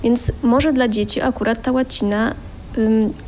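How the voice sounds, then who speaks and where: A woman's voice: a little high, steady tone, measured pace, darkish tone, slight background noise. A woman author answering interview questions thoughtfully, with frequent hesitations. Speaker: children's book author.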